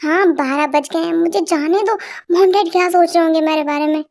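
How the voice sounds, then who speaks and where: Woman voicing a young bride, protesting, insistent, fan dub story, high pitch. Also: brisk, darkish tone. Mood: flustered. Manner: protesting, flustered. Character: young woman, shy newlywed bride, stubborn.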